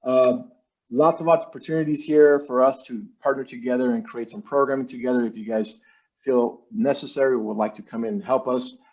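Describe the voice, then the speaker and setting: The audio is dull and lo-fi, typical of an online meeting, where a man who owns a marketing agency presents slides in an informal, sales-oriented way, leaning on casual business jargon. His medium-pitched voice has a darkish tone, fairly even intonation, and a fairly quick pace.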